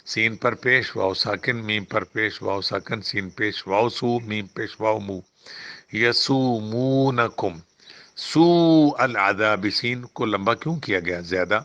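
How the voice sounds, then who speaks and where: A man with a Pakistani Urdu accent teaching Quran recitation. He spells letters slowly, draws out recited words, and drifts into chatty everyday examples. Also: on the low side, fairly even intonation, sharp tone, lo-fi sound. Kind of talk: Quran tajweed lesson with a spoken talk.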